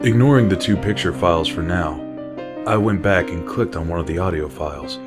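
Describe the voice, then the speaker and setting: A man with a very deep voice narrates a scripted horror story. His reading is measured and unhurried. A clear music bed plays under his voice. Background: music playing under the voice.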